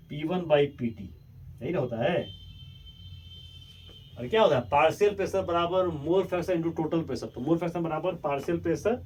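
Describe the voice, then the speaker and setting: A man's voice: fairly high pitch, a little mellow, husky. A man teaching a chemistry lesson, working through problems step by step, coaxing his students and drifting away from the mic as he writes. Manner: addresses students as children, coaxing and repetitive; moves away from the mic while writing, voice fading in and out. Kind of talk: blackboard lecture solving problems. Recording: voice from a distance, faint room noise.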